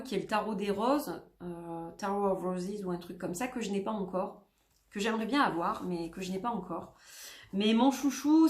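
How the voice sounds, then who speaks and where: A woman with a French accent and a medium-pitched voice chats casually while showing off her tarot decks, her sound reverberant. As a tarot vlogger she rambles, using many fillers and correcting herself.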